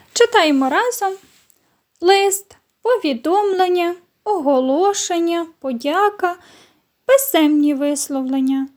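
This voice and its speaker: A woman primary school teacher from Ukraine, giving a recorded online lesson to children with slow, clear instructions and questions to her pupils. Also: high-pitched, a little mellow.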